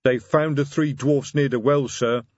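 A man voicing a big, slow, patient male troll sergeant in an audiobook, with a plodding delivery. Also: medium pitch, fairly even intonation, a little mellow, no room sound, highs cut off, voice pushed up, lightly acted.

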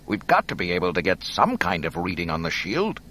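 A man voicing a worried starship pilot who shouts urgent commands. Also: low-pitched, wildly swooping pitch, a little fast, slight background noise, full character voice.

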